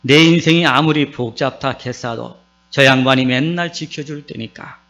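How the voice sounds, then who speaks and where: A man voicing a plainspoken rural man who recites a psalm in a broad Gyeongsang dialect, slowly and in a folksy, drawn-out way. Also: mid-range voice, a bit bright, lightly acted. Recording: dull recording with mains hum.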